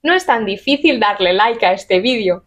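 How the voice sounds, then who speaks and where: A woman's voice: medium pitch, moderate pace, lo-fi sound. Chatty Spanish teacher woman. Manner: lively, chatty, acts out little example questions. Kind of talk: explaining a grammar lesson to camera.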